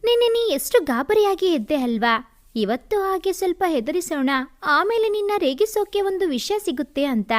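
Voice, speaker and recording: A woman reading the lines of an affectionate young husband who gently soothes and teases, in a storybook reading. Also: extremely high pitch, big pitch swings, moderate pace, pitched above the performer's own voice. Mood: teasing.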